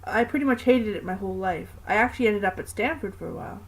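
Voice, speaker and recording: A woman's voice: mid-range voice, fast talker, close to an everyday voice, poor audio. A woman voicing a kind young male monster hunter in a read-aloud fanfiction, with an earnest, conversational delivery. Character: young man hunter, kind, gentle older-brother type.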